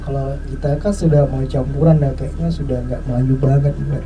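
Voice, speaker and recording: A man's voice: mid-range voice, fairly even intonation, a little fast, dark tone. Rambling man telling an eerie personal tale. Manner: rambling, reflective, many filler tags. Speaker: storyteller. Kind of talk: casual personal storytelling. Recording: distant mic, faint background noise.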